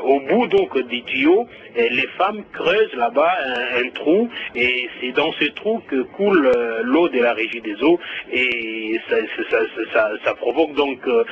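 A man's voice: medium pitch, slightly rough. A man, reporting live as a radio correspondent, hesitant with many fillers and restarts. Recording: dull lo-fi radio link.

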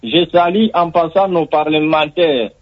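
Guy calling in, declamatory, highish voice, muddy line. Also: measured pace. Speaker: radio call-in listener. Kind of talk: formal political denunciation. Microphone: remote call. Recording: dull call-in radio line.

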